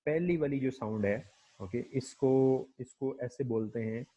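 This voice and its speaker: Husky man lecturing, muffled recording. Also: medium pitch, dark tone. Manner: hesitant, fills with "okay", slowly demonstrates sounds. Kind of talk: phonetics lecture.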